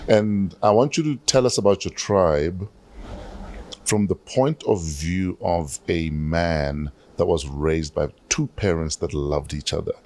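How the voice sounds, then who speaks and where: A man's voice: deep voice, measured pace, darkish tone. A man hosting a podcast interview, chatty and teasing his guest. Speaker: podcast host. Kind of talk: casual interview chat.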